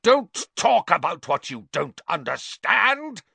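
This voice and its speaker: A man's voice: mid-range voice, sing-song, a little slow, sharp tone, no echo, pitched above the performer's own voice, exaggerated voice. A man voicing a sneering, unhinged male schoolteacher who hisses silkily and shrieks in rage. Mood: raging. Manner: silky hiss rising to shrieks.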